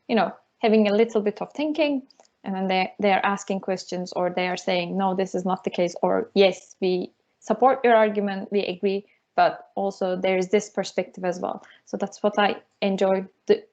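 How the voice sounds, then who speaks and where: A woman in her thirties from Turkey, a university lecturer appearing as a guest, speaks English with a Turkish accent in a casual interview over a call, using many fillers and restarts. Her medium-pitched voice has fairly even intonation, normal speed and a darkish tone, with dull audio.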